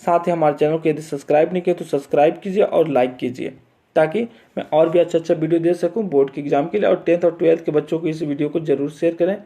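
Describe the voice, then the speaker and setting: Male tutor, high pitched and soft-toned, talks through geometry steps, chhattisgarh hindi. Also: fairly even intonation, quick pace. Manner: repeats steps with frequent "theek hai" check-ins. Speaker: math teacher. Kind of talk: explaining a board exam assignment.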